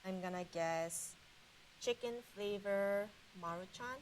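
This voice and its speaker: A woman chef on a tasting panel, explaining and judging food in a medium-pitched voice. A faint hiss sits behind her. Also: slow pace, poor audio. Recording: clear background hiss.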